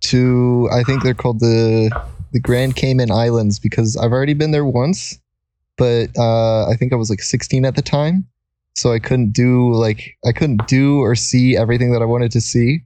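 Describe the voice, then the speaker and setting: A man's voice: mid-range voice, steady tone, moderate pace, dark tone, slight background noise. A young man hosting a casual podcast while recording under a blanket, rambling and giggling as he talks. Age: young adult. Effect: muffled, recording under a blanket. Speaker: podcast host.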